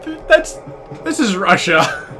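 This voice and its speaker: A man's voice: high-pitched, sing-song, takes it slowly. Sarcastic man joking over game music. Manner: dry sarcastic quips. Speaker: co-host of a gameplay video. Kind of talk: joking commentary.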